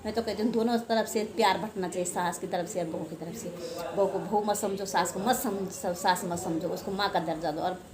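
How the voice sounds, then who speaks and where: An older woman, a home vlogger, chats casually to the camera, rambling and poking fun at herself. Her medium-pitched voice is steady and a little fast, with a crowd audible in the background.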